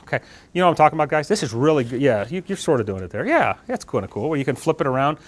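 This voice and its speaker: A middle-aged man giving a lively talk on job interviews to a room of students, often turning to ask them questions. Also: mid-range voice, rapid-fire. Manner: animated, talks with his hands, asks the audience questions. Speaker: guest speaker on job interviews. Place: lecture room with student audience.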